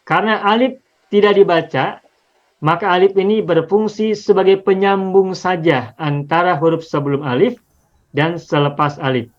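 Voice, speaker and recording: Guy teaching a quran grammar lesson, high voice, kinda dull lo-fi audio, goes over examples again and again. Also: normal speed. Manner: patient, explains step by step, repeats examples. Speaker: Arabic linguistics teacher.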